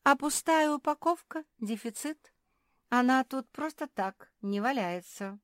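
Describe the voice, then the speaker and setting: A woman's voice: sits high, expressive, measured pace, dry recording, studio quality, voice pushed up. A woman playing a sly, wheedling old shopkeeper man. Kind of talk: audiobook character voice.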